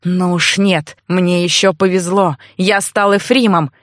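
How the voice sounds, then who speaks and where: A woman's voice: on the low side, steady tone, measured pace, no room sound, clean studio sound, close to an everyday voice. A woman voicing a bitter, angry young man who was once a monster, snarling and resentful, in an audiobook. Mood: furious.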